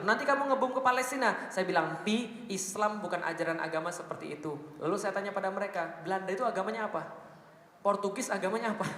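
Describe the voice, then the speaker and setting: A man's voice: high voice, sharp tone. A man preaching a sermon, telling stories and asking his audience rhetorical questions. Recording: echoey hall with long reverb.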